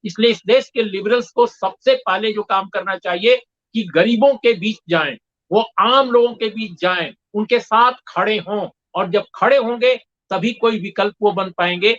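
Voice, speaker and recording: A man talking as an interview guest, with a high, bright voice. He speaks in a measured, emphatic way and pauses often on fillers. The recording sounds dull and lo-fi. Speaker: guest commentator. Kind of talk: discussion interview.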